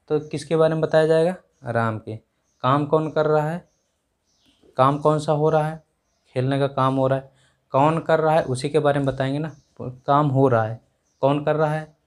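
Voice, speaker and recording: A young man teaching grammar at a whiteboard in a small classroom, repeating each word slowly as he writes and calling his students dear children. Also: a little high. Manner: slow and repetitive, dictating words while writing. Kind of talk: whiteboard lesson in Hindi.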